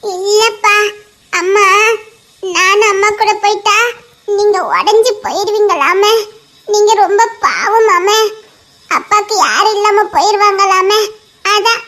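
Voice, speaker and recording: Tearful tiny girl begging her mum and dad, woman doing the voice, tirunelveli tamil, squeaky high. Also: measured pace, pushed and bright. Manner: pleading, sobbing, high childlike voice. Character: small tearful girl missing her parted parents. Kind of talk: acted family drama, playing all roles.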